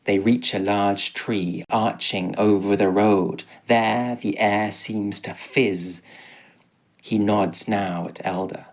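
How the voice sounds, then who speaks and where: A man narrating a rhyming storybook tale in a slow, measured way. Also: lowish voice, fairly even intonation, poor audio.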